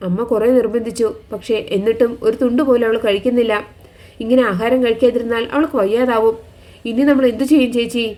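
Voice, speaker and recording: Female storyteller, slightly high voice, chatty, retells a serial plot and voices all the parts herself. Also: darkish tone. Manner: chatty, keeps the listener engaged.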